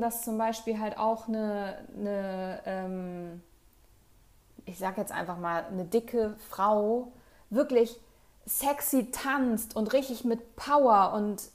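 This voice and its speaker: Young woman, podcast co-host, casual and enthusiastic, slangy, lots of fillers. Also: on the high side. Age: young adult. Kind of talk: casual chat.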